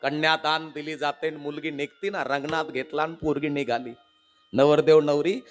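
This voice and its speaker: Emotional preacher. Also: male voice, on the high side, level tone, normal speed, soft background music. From Maharashtra. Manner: dramatic, emotional, swings between loud and hushed; addresses the audience directly. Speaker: kirtan preacher. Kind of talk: humorous devotional sermon.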